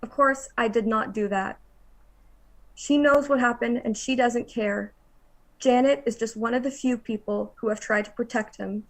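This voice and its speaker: Young woman reading a statement, flat and steady. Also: on the high side. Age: young adult. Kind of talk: reading a court statement aloud.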